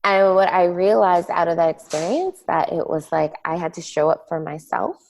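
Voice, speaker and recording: A woman guest on a podcast, telling a personal story earnestly, halting with many "um" and "like" fillers. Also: lowish voice, expressive, creaky, darkish tone, a little hiss or hum.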